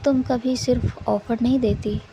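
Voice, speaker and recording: A woman voicing a protective young woman who speaks low, cold and clipped. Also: steady tone, moderate pace, lo-fi sound, noisy background, close to an everyday voice. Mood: guarded cold.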